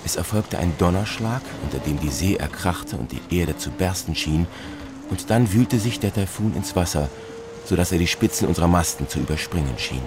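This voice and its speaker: A man's voice: sits low, lively intonation, normal speed, background noise. A man narrating a sea adventure in the first person with a dramatic storyteller's delivery.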